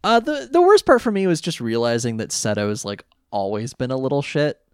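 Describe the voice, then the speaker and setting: An easygoing man co-hosting a relaxed podcast chat. He laughs often, and his pitch rises and falls freely as he talks. His voice is dry and close, with no room sound. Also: brisk, clean tone, no echo. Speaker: podcast co-host.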